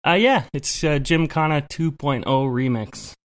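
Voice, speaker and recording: A man's voice: fairly high pitch, unhurried. A man in his thirties, a guest artist telling his story in a casual interview, laid-back and rambling with frequent laughs. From Canada.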